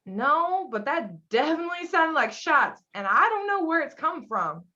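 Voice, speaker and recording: A man's voice: very high-pitched, sing-song, moderate pace, sharp tone, highs cut off, pitched above the performer's own voice, full character voice. A man voicing a brash, profane female operative. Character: brash, foul-mouthed female operative on an earpiece.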